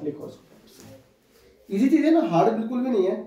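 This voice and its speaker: A man's voice: very high-pitched, animated, fairly quick, dark tone. A man teaching a chemistry class, dictating notes and repeatedly asking students whether they have understood and copied it down. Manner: repetitive, keeps asking students to write and confirm. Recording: echoey room, from far off, dull sound.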